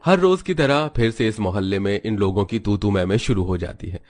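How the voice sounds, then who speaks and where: A man narrating an animated moral story in a scripted, even storytelling way. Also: lowish voice, fairly quick.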